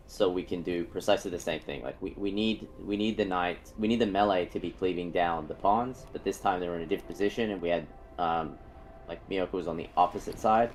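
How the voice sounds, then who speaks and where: A man's voice: low voice, slight background noise, poor audio. A man leading a game raid over voice chat, explaining positions in a rambling way with many fillers and restarts. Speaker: raid leader.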